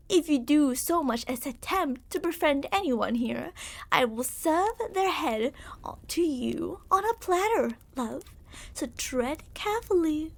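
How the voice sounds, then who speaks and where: This high-sitting female voice plays a yandere royal who holds the listener captive in an ASMR roleplay. She sounds smug and menacing, speaking theatrically with condescension and mock affection.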